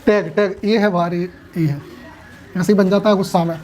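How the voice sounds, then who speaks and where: A man's voice: high voice, steady tone, moderate pace, darkish tone. Chatty man teaching a class. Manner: chatty, asks students questions, jokes. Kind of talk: classroom lecture.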